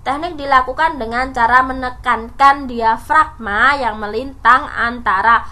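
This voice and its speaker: A woman teacher walks through her lesson at a slow, careful pace, her voice bright and a little high. She explains things step by step, often checking in with a "ya" or moving on with a "nah". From Indonesia. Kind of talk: recorded classroom lesson.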